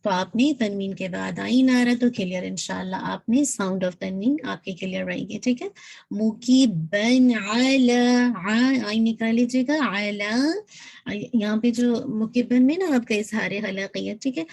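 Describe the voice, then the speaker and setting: A woman teaching Quran recitation in a patient lesson. She works step by step, keeps checking in, and slowly draws out sounds to model them. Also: medium pitch, gravelly, darkish tone. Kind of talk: instructive lesson.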